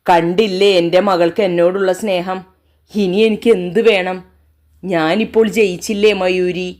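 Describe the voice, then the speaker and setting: Woman reading a gentle, soothing father. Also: fairly low pitch, steady tone, moderate pace, lightly acted. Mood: tender. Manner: soft, reassuring. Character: loving middle-aged father, gentle and soothing.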